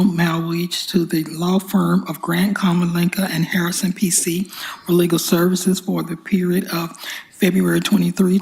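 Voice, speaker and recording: A woman reads council resolutions aloud in a measured, formal way. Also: on the low side, gravelly, low-quality recording. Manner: flat, measured reading. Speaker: council clerk reading agenda items. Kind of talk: formal agenda reading. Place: city council chamber.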